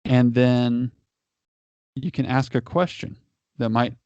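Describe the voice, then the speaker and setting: A man's voice: medium pitch, level tone, slow pace, a little mellow, no room sound. A married man, a guest, giving casual advice in a long explanation, often restarting and repeating his words. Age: adult, married. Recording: dry, dull lo-fi audio.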